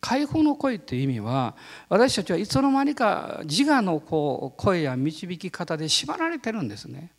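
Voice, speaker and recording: A male pastor giving a sermon, telling a personal story in an animated way and laughing often. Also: high voice, normal speed, few pauses, in a large hall.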